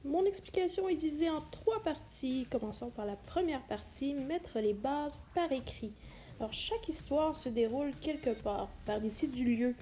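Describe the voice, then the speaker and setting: A teacher presents an instructional video, explaining a lesson to students in a high-pitched, mellow voice with lively intonation at normal speed. She addresses the listener directly and stresses key words.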